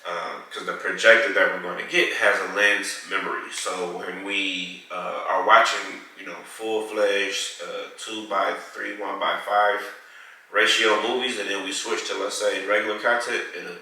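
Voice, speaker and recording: Nasal from a head cold, a male vlog co-host gives a casual, rambling tour of his large indoor home theater room, correcting himself as he goes. His voice sits low with fairly even intonation, a little slow, bright and forceful in tone. The room is echoey.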